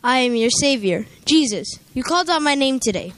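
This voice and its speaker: A young woman playing Jesus in a church play, speaking calmly and reassuringly in recited lines. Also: high voice, a little fast, dry recording. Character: Jesus, calm gentle male savior.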